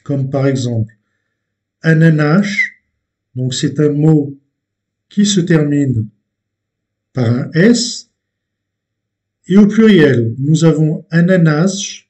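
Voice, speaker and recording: A man teaching a language lesson, explaining step by step in a deliberate way with frequent hesitations and repeated words. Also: a little high, expressive, dark tone.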